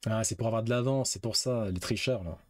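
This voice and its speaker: A man's voice: lowish voice, a little fast, dry recording, clean studio sound. A man streaming a quiz game, reading questions aloud, guessing and swearing casually. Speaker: gaming streamer.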